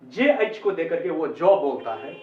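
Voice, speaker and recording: Hindi-speaking man teaching pronunciation, high voice. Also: big pitch swings, unhurried, faint music behind. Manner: explains patiently, repeats words and checks understanding. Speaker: English teacher. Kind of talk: spoken pronunciation lesson. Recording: roomy, distant and muffled.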